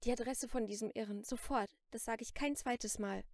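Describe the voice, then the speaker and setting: A woman's voice: medium pitch, fairly even intonation, normal speed, vocal fry, a little mellow, no room sound, clean studio sound. A woman reading a fierce, threatening teenage girl. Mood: furious. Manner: tense, threatening, clipped commands. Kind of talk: audiobook reading.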